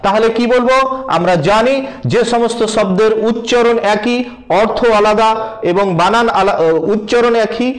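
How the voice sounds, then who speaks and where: A man's voice: high voice, steady tone, low-quality recording. A man teaching English grammar in a spoken lesson, repeating points and spelling words out letter by letter while calling his viewers friends. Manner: repetitive, spells words out letter by letter, slow deliberate emphasis. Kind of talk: spoken lesson explaining word meanings.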